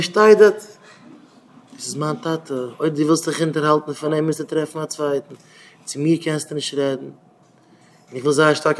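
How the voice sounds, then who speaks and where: A man giving an impassioned moral talk, repeating his points and swinging from loud cries to low murmurs, sometimes in a lamenting singsong. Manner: repetitive, exhorting, swinging between loud outbursts and low murmurs.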